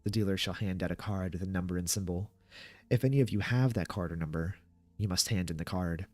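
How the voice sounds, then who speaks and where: A man's voice: low voice, fairly quick, dry recording. A man voicing a self-assured male card dealer with a terse, instructive manner in a horror story.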